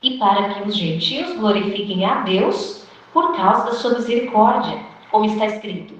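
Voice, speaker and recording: A woman's voice: mid-range voice, normal speed. A Brazilian woman with a Brazilian Portuguese accent giving an informal sermon to a women's group, chatty, acting out quoted dialogue and often adding "né?". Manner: conversational, acts out quoted dialogue, frequent "né?" tag questions. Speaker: women's ministry teacher. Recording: echoey room, distant mic, dull lo-fi sound.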